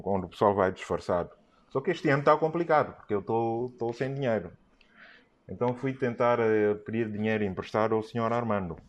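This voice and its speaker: A man telling a comic carnival story, acting out both sides of each dialogue in a lively way. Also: on the low side.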